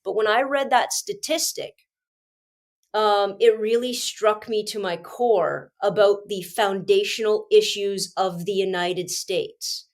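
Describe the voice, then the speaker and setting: Slow and medium in pitch, a woman from Canada who teaches and runs her own podcast delivers casual commentary alone. Her cold leaves her stuffed up, yet she presses her points passionately, frequently starting over, and her voice grows screechy when riled.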